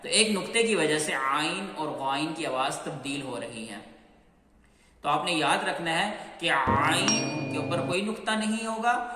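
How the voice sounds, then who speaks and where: A man teaching Qur'anic letter pronunciation in a patient, step-by-step way, repeating sounds and slowly drawing out each letter. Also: a little high, lively intonation, background noise. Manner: slow, clear, repeats sounds and drawn-out chanted letters. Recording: echoey room with long reverb.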